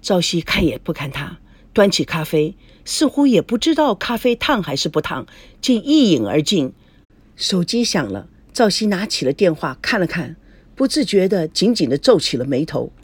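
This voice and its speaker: Expressive woman reading a novel aloud. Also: on the low side, moderate pace, breathy edge, dry recording. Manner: storytelling, expressive. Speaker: narrator.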